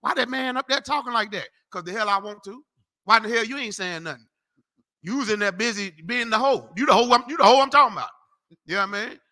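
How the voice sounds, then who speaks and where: Brash high-pitched preacher man. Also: quick pace, bright, forceful tone. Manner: brash, profane, mocking, tells people off. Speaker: street preacher teaching a class. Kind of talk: loud street-corner Bible teaching.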